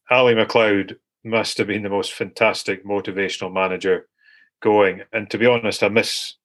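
A man's voice: sits low, a bit bright. A man on a sports podcast, reminiscing with wry, self-deprecating humour. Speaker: podcast co-host. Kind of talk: casual sports podcast chat.

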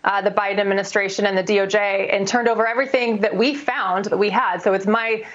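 A woman giving a halting, formal interview answer. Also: medium pitch, fairly even intonation, a bit bright. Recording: slightly dull, lo-fi clip.

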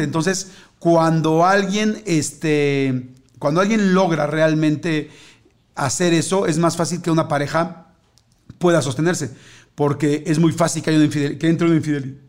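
A man, chatting casually and telling a rambling story full of fillers. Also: fairly high pitch. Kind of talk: casual chat.

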